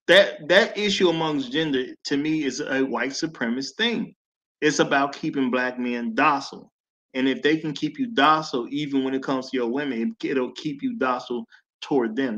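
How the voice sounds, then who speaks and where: A man's voice: mid-range voice, moderate pace, fairly bright tone. A man hosting a panel, making firm, declarative points in opinionated talk. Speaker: host. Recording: dull lo-fi audio.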